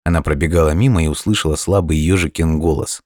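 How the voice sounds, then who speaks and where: A man with a very low voice narrates a children's storybook at a calm, unhurried pace. The recording is dry and intimate. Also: no echo.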